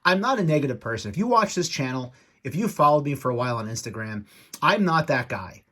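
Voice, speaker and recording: A man's voice: medium pitch, lively intonation, bright, forceful tone. Annoyed man venting in an off-the-cuff rant. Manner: rambling, halting, repeats himself. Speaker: YouTube toy collector and podcast co-host.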